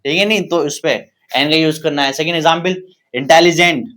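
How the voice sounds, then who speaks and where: A man's voice: on the high side, fairly even intonation, a little fast, a bit bright. A man with an Indian English accent teaching a grammar lesson, repeating words and asking rhetorical questions. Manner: repetitive, asks rhetorical questions to students. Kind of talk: classroom-style grammar lesson.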